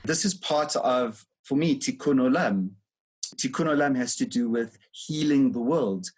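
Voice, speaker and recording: A man speaking softly in an interview, pausing to find his words. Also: medium pitch, slightly rough, rough recording.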